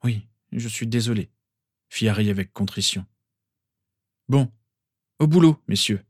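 A man's voice: fairly low pitch, measured pace, darkish tone, slightly rough, dry recording, studio quality. A man voicing a stern but kind father who scolds firmly. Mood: scolding. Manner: firm, scolding.

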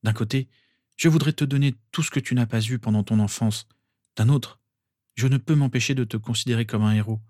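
A man voicing a caring young mother who pleads softly and apologizes. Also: mid-range voice, a little fast, no room sound, studio quality, natural voice. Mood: pleading. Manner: pleading, soft.

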